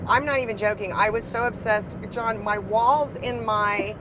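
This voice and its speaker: A woman from Texas speaking as a podcast guest, in a mid-pitched voice. She gushes and swears casually. Clear background noise runs under her voice, as if from inside a car. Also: normal speed. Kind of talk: casual chat.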